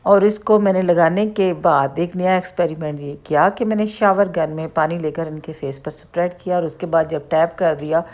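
Woman with a Pakistani Urdu accent, makeup artist, chatty step-by-step tutorial voice-over, slightly low voice. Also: steady tone, normal speed, few pauses, darkish tone. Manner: chatty, explains each step as she goes.

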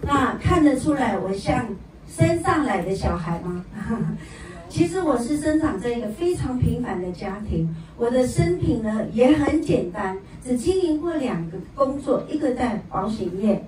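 A woman giving an energetic sales talk at a seminar, her voice booming with heavy echo in a large hall. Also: normal speed, slight background noise. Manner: energetic, prompts the crowd for replies. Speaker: seminar speaker. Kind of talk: motivational sales talk to an audience. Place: large event hall indoors. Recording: booming echo in a big hall, mic far off.

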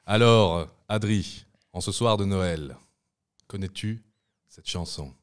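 A man's voice: low voice, slow pace, smooth. A young man co-hosting a casual podcast in a studio, joking around and breaking into bits of song. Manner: playful, breaks into snatches of song. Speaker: podcast co-host.

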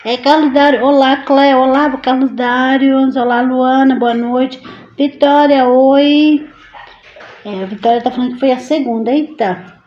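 A woman's voice: sits high, fairly even intonation, measured pace, dull audio, a little hiss or hum. A woman hosting a casual live stream, chatty and affectionate, greeting viewers by name and laughing often. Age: adult mother. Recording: roomy echo.

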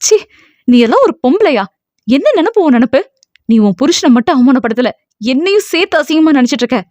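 A woman's voice: high-pitched, sing-song, fast, a little mellow, dry recording. A woman voicing an angry, hurt young woman who scolds fiercely. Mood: disgusted.

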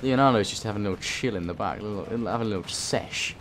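A man's voice: on the low side, fast talker. A man hosting a let's play, rambling and swearing through his gameplay commentary. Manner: swearing, rambling, self-talking. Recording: voice under game noise.

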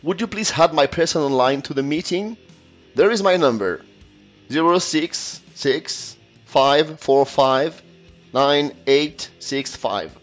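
Guy leaving a voicemail over the phone, super slow, careful with the numbers. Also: fairly high pitch, faint music behind. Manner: slow, careful, reads out digits one by one. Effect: heard over a phone line.

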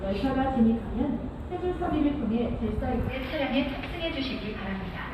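A woman giving polite, measured safety announcements over a loudspeaker on a crowded subway platform. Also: high-pitched, expressive. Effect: over a station PA loudspeaker. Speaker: station announcer. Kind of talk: formal public safety announcement. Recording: echoey PA heard from far off, loud train noise. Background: trains and platform crowd noise.

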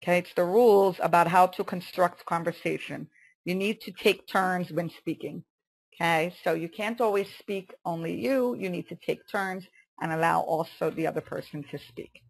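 A woman teaching an online English lesson, saying vocabulary slowly and carefully and saying "okay" often. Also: on the low side, vocal fry, husky. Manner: slow, careful pronunciation drills with many "okay"s.

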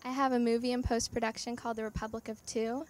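An eighteen-year-old woman from North Carolina, a young actress answering interview questions in a relaxed, bubbly way with frequent ums. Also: a little high, quick pace, a little hiss or hum. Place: outdoors at an evening event.

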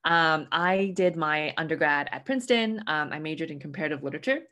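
Young woman from hong kong, low voice, friendly webinar talk, lots of ums, laptop mic on a video call. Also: fairly quick, bright, forceful tone. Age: young adult. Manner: friendly, many "um" fillers. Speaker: webinar presenter. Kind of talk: online webinar lecture. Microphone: webcam mic at home, video call.

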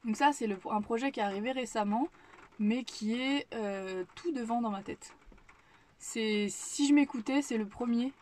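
A woman's voice: on the high side, moderate pace, a little mellow, slight background noise. A young woman from the Paris region chatting casually to camera in her kitchen, thinking aloud with frequent restarts. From Paris region, France. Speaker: vlogger. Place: home kitchen, indoors.

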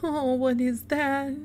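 A woman's voice: high-pitched, darkish tone. A young woman giving casual gameplay commentary, talking to the game characters in a jumpy, giggly way. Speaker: let's play gamer.

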